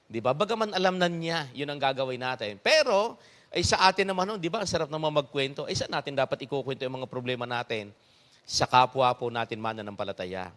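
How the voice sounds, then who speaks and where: A male pastor giving a conversational sermon, animated, chuckling and tossing rhetorical asides to his congregation. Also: medium pitch, quick pace.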